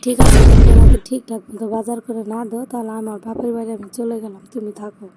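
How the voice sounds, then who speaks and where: A woman's voice: fairly high pitch, level tone, very fast, a little hiss or hum, lightly acted, rough recording. A woman with a Bangladeshi accent playing a sulky, demanding wife bickering in an amateur domestic skit. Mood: sulky, stubborn. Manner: bickering as a couple, stubborn and complaining. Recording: loud music under the voice.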